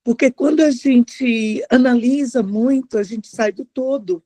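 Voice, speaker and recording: A woman with a sleepy voice, speaking in a reflective, halting way in a spiritual group discussion. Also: on the high side. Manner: reflective, halting, soft-spoken.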